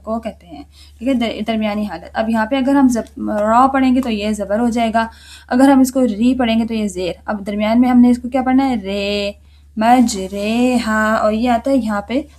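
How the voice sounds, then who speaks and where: A woman teaching a recitation lesson, asking herself questions and answering them, and repeating key words slowly for the listener. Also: on the high side, dark tone. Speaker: tajweed teacher. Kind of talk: explanatory lesson with repetition.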